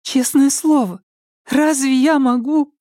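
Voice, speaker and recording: A man's voice: very high-pitched, fairly even intonation, takes it slowly, darkish tone, no echo, studio quality, voice pushed up. Trembling childlike captive girl, voiced by a man. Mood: frightened pleading. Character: frightened young woman captive, timid, pleading.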